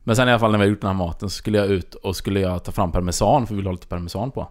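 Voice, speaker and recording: A man hosting a podcast, telling a story in casual chat and acting out what people said. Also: fairly low pitch. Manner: animated storyteller, acts out dialogue. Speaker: podcast host.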